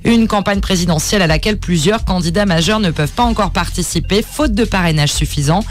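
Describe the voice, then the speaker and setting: A man reading a radio news bulletin in a steady, formal manner. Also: high-pitched, brisk, soft background music. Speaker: newsreader.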